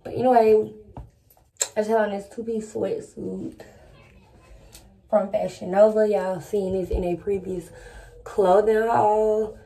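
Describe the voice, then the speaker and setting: A woman's voice: mid-range voice, little pitch movement, unhurried, warm tone, poor audio. Stuffed-up woman lisping through retainers. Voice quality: slight lisp from wearing retainers; congested, stuffed-up nose. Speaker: vlogger. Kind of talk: casual vlog chat to camera. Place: small indoor room at home, close to camera.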